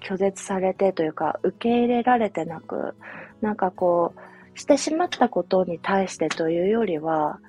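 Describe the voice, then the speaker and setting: A young woman talks softly and reflectively about her family, pausing often on fillers. Her voice sits low and a little husky. Faint music plays quietly behind her. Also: expressive. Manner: soft, reflective, many fillers. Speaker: podcast host, mother. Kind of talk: casual personal storytelling.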